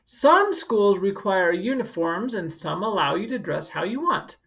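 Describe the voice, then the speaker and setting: Her mid-range voice swings widely in pitch, a bit bright and touched with vocal fry, at a measured pace. She's a school counselor reading aloud from a picture book, explaining things casually in plain words suited to young children.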